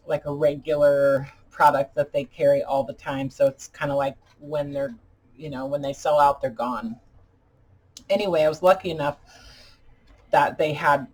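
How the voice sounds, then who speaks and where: A woman chatting casually as a craft video host, halting and deliberate, her speech slightly impeded by dentures as if her mouth were full of peanut butter. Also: deep voice, slightly rough, rough recording. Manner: halting, deliberate, pausing often. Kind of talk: casual chat tutorial.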